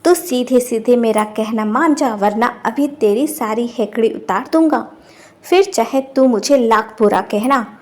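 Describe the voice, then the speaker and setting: Woman doing a gruff, stingy old husband. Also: a little high, a little slow, lightly acted. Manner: gruff, threatening. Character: stingy hot-tempered old village husband.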